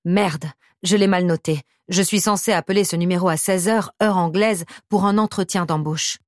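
Audiobook: woman voicing a hurried, self-mocking young American man on a phone call, slightly low, dry booth sound. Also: fairly even intonation, no echo, close to an everyday voice. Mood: flustered. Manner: hurried, self-deprecating, apologetic. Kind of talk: audiobook character voice.

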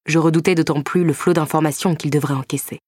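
A woman narrates a first-person romance novel in a low, even voice. Her reading is measured and intimate, carrying quiet tension. The close, dry studio sound leaves no room echo. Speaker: audiobook narrator.

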